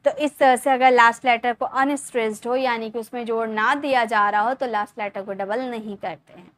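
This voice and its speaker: A young woman teaching English grammar in Hindi, explaining step by step, repeating words slowly and asking her class questions. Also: fairly high pitch, steady tone, a bit bright, dry recording. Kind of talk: Hindi-language grammar lesson.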